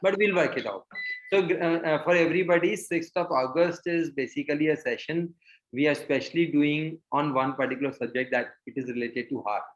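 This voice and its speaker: A man's voice: a little high, brisk. A man with an Indian accent leading an informal online group discussion, mixing Hindi and English. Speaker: session leader and speaker. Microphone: video call. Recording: muffled online call with noise and clicks.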